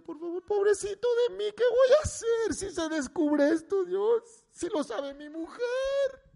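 A whining, self-pitying man pleads for mercy in a high, wailing voice, put on by a preacher. He stretches each plea out slowly in his voice. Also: creaky, full character voice.

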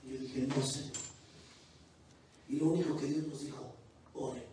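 A man who is a pastor, preaching a sermon that moves from quiet testimony to loud, fervent preaching. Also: mid-range voice, fairly even intonation, moderate pace, noisy background. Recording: distant, very echoey church hall.

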